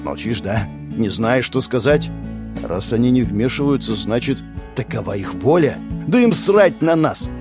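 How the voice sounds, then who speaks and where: A man's voice: medium pitch, sing-song, unhurried. A man voicing a frightened, defiant young male tree demon with a trembling voice close to tears, over guitar music. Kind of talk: audiobook character voice.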